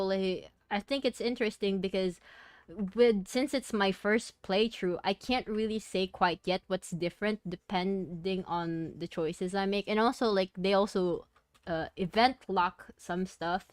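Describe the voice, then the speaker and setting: A young woman streamer chatting casually to her viewers, rambling softly and talking her thoughts through as she goes. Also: mid-range voice, smooth, no room sound. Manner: rambling, soft-spoken, talks herself through thoughts. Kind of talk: casual chat.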